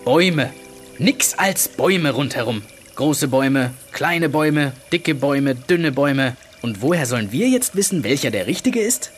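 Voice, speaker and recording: A man's voice: mid-range voice, animated, faint music behind, natural voice. A man voicing Paul, a bewildered boy lost in a forest, in a children's radio play. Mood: puzzled. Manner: bewildered and hurried.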